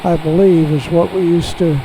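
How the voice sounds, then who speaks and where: Man in a cockpit, talking over a pilot headset. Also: on the high side. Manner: talks through each step in a relaxed, halting way. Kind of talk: casual narration while flying. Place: cockpit of a small jet in flight. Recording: steady cockpit and engine noise.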